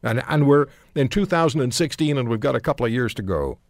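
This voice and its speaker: A man's voice: medium pitch, expressive, quick pace, dry recording. Firm male radio talk host. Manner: firm, interrupts and repeats points. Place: radio studio.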